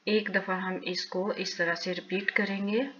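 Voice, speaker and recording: A woman teaching Quran reading, drilling letter sounds one by one in a slow, deliberate chant. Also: mid-range voice, flat delivery, lo-fi sound, very noisy. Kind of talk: slow step-by-step recitation lesson.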